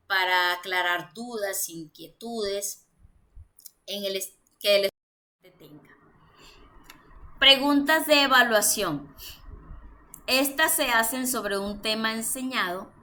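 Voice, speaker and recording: A woman's voice: medium pitch, takes it slowly, long pauses, bright, forceful tone. A woman with a Colombian Spanish accent teaching a church lesson, reading points aloud and then explaining them with fillers.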